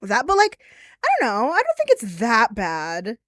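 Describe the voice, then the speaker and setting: A woman's voice: a little high, wildly swooping pitch, normal speed, fairly bright tone, dry recording, clean studio sound. A mildly drunk woman chats casually and crudely as she hosts a livestream, rambling as she goes. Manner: tipsy, rambling, crude-humoured. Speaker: livestream host.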